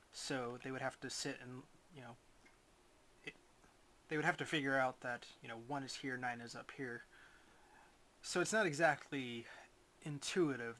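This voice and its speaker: A man giving a casual, unscripted product review as a reviewer, in a hesitant, rambling way with frequent pauses. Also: medium pitch, a bit bright, a little hiss or hum. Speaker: reviewer of gadgets.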